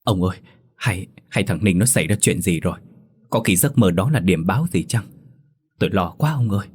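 A man's voice: low voice, animated, fairly quick, darkish tone, breathy edge. A man voicing a terrified village mother near sixty, pleading and sobbing in a raised, strained voice. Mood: frightened.

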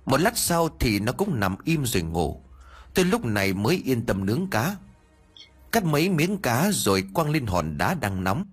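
A man narrating a first-person ghost story in an expressive, lively way. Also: mid-range voice, breathy edge.

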